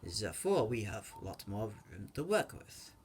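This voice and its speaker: With a lowish voice that swings widely in pitch, a gaming video creator offers casual, meandering commentary on his own play at a moderate pace, joking and correcting himself. There's slight background noise, plus keyboard and mouse clicks.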